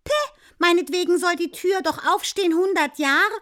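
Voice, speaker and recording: A woman voicing a quarrelsome old wife in a recited ballad, with high, shrill, rapid scolding. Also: a bit bright. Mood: indignant.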